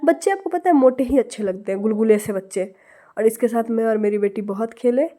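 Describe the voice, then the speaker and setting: A woman in her thirties, hoarse from a cold with a scratchy throat, chatting to viewers in a casual vlog. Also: on the high side, steady tone, brisk, warm tone. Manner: chatty, talks straight to viewers. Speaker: vlogger.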